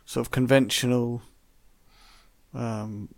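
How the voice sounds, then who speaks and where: A man co-hosting a podcast, talking over a film in a thoughtful, hesitant way with many pauses and ums. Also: medium pitch, level tone, creaky, darkish tone, no room sound. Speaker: podcast co-host. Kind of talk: casual film discussion.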